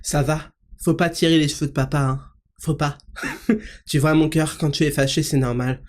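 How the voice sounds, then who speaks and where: A man putting on the voice of a simpering, doting father cooing gently at his little son. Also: fairly high pitch, fairly even intonation, moderate pace, close to an everyday voice. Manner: sugary, cooing, overly gentle.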